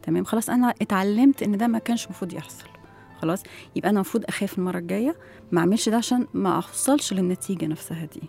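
A woman's voice: medium pitch, very fast, creaky, mellow, soft background music. A woman with an Egyptian accent, a guest education expert, explaining her ideas in an interview and often asking rhetorical questions. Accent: Egyptian Arabic.

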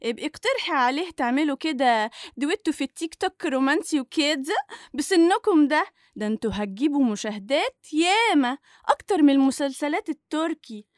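Brash, high-voiced Egyptian tease. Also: female voice, animated, fast talker, dry recording, clean studio sound. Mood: brash teasing. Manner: brash, mocking, streetwise. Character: cheeky, slangy young Egyptian woman teasing mercilessly. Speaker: actress in a radio serial. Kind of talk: Egyptian radio comedy drama acting.

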